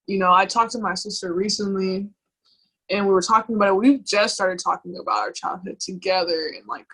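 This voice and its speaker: A young female guest with a bright, clear, medium-pitched voice recalls personal memories in a candid chat, her tone steady. She often stops, circles back, and restarts with fillers, and the recording is rough.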